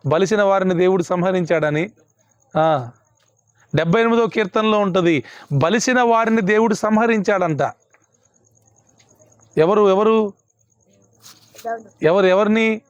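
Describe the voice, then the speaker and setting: A man's voice: sits high, no room sound. A male pastor preaching a sermon, emphatic and repeating his questions to the congregation. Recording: dull lo-fi, dry sound.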